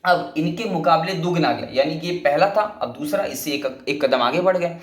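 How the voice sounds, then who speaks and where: A man gives a lesson in a slightly high voice, patiently going over each idea again and again. His voice rings in an echoey room. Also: normal speed. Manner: repetitive, patient explaining with many restatements. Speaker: Sanskrit teacher. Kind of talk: explanatory classroom lesson.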